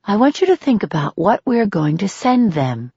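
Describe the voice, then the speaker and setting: A woman's voice: fairly low pitch, very animated, slow pace, breathy edge, dry recording, dull audio, exaggerated voice. Woman voicing a purring, sadistic female killer. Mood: sweetly taunting. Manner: soft purring menace, hushed and whispery.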